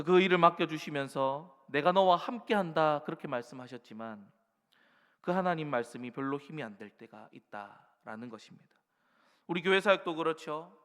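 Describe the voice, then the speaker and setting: A man's voice: fairly high pitch, fairly bright tone. Man preaching a sermon in a reverberant church. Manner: exhorting the congregation; acts out the words of doubting believers. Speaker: pastor. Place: church sanctuary.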